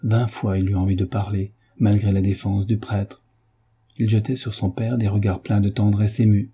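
A man narrating a classic novel in a measured, even reading as an audiobook narrator. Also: fairly low pitch, husky. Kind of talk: scripted literary narration.

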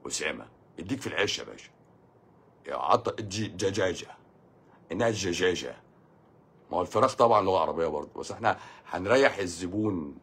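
A man with an Egyptian accent talks quickly on a live stream, reading out and answering viewer comments. His voice is husky and a little breathy, and he keeps a joking, offhand tone. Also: fairly low pitch, fairly bright tone. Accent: Egyptian Arabic. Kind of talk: casual live stream chat.

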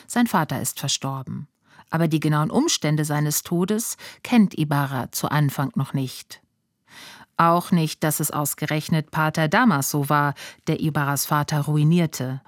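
Low-voiced woman narrating a radio feature. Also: no room sound, clean studio sound. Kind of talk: scripted narration.

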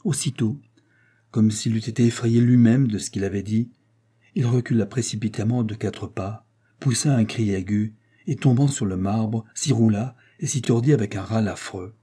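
A man narrating a classic novel in a measured, dramatic storytelling manner. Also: lowish voice, dark tone, husky. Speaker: audiobook narrator. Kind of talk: literary audiobook narration.

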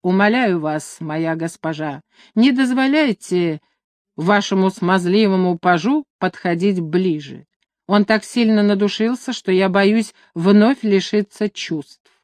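A woman reading an audiobook, voicing a wounded young count who speaks quietly, coldly and ironically. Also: medium pitch, unhurried, dry recording, studio quality, lightly acted. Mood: mocking. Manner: quiet, cold, ironic delivery.

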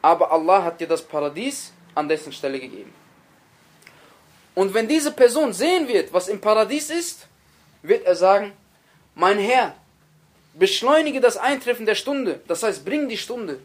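A man delivers a religious lecture in a notably high voice. He preaches earnestly, repeating key phrases for weight and turning to his listeners directly. Quoted speech gets dramatic stress. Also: big pitch swings, normal speed, a little mellow.

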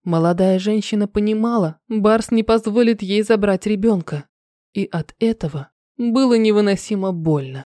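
A woman narrating an audiobook in a calm, measured reading voice. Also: medium pitch, no room sound, clean studio sound.

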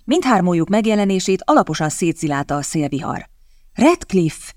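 A woman narrating a novel as an audiobook, in a measured, expressive reading. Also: on the low side, no echo, clean studio sound.

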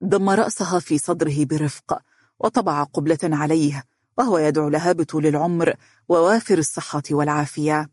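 A man's voice: fairly high pitch, darkish tone, dry recording. Man reading a story, dry and close. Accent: Egyptian Arabic. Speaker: narrator.

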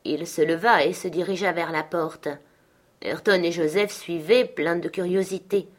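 Woman narrator, audiobook, steady measured reading, lowish voice. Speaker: audiobook reader. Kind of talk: scripted narration.

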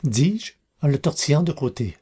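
A woman narrates a storybook with a low, husky voice. Her delivery is lively and full of inflection. The tone stays mellow and dark. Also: moderate pace. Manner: expressive, acting out each speaker.

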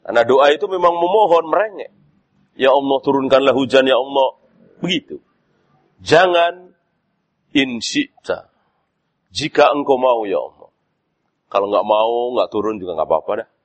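A man giving a sermon as a preacher, lively in delivery with frequent "ya" and rising stresses. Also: mid-range voice, normal speed, long pauses. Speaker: Islamic preacher.

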